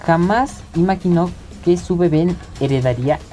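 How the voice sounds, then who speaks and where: A woman's voice: on the low side, moderate pace. A woman narrating a recap of a manga chapter, talking straight to her viewers in a conversational way. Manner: conversational, addressing viewers directly. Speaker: anime and manga youtuber. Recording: soft background music.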